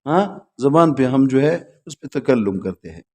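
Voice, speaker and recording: A man lecturing on logic to a class at a religious school. His voice is dark and mellow. He keeps asking the students questions, waits for their answers and repeats them back patiently, going over each point more than once. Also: mid-range voice, animated. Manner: patient, repetitive explaining.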